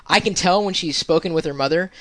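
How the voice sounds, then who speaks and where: A man's voice: fairly high pitch, fast talker, fairly bright tone, no room sound. Joking man hosting a chat show. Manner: joking, amused. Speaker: host. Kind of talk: casual chat.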